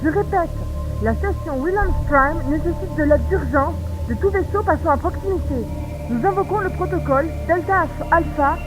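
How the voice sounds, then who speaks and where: A clangy, metallic ship computer voiced by a woman reads out an urgent transmission in a flat, formal way. Its tone sits very high and sounds heavily filtered. Music plays behind it in this sci-fi audio drama. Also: moderate pace, rough recording. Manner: flat, formal announcement delivery. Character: metallic ship computer voice relaying a distress call. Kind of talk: science-fiction audio drama.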